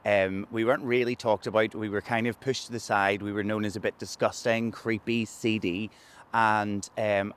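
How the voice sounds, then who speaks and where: A middle-aged man with a Northern Irish accent, reflective and measured in a documentary interview. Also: on the low side, little pitch movement, a bit bright, clear, resonant tone. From Northern Ireland. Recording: light background noise.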